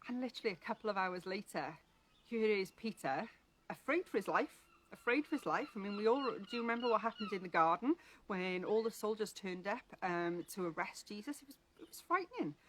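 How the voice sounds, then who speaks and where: Chatty woman giving an informal Bible talk. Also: mid-range voice. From Wales. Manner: chatty, many ums and restarts. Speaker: church leader reading scripture. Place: church live stream.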